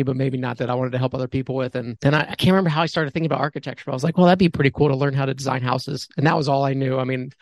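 A man's voice: medium pitch, no room sound, poor audio. A man in his thirties from Washington, D.C., a podcast guest talking casually in a rambling way. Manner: fast, rambling, with fillers and restarts. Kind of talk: casual interview talk. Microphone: on a call.

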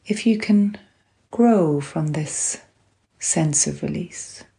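Calm gentle woman doing a guided grounding exercise, low voice, really slow w long pauses. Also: creaky. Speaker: guided relaxation instructor.

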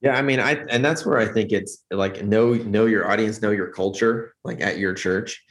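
A man's voice: fairly low pitch, fairly even intonation, moderate pace. A man talking earnestly in a casual interview, rambling with many restarts as a church lighting director.

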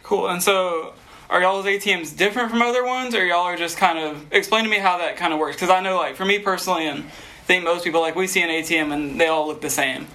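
A man's voice: high-pitched, quick pace, pushed and bright, poor audio. A young man hosting a student interview, informal and friendly, often saying "y'all".

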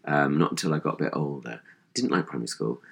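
A man in his thirties from England with a posh voice, talking in a deadpan, self-deprecating way as a guest in a casual interview. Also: very deep voice, fast, gravelly, slightly rough.

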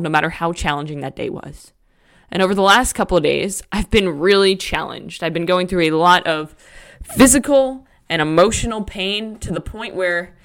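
A woman's voice: on the low side, a bit bright. A woman hosting a podcast, talking candidly in a motivational monologue with a frank, emphatic, casual manner. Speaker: podcast host.

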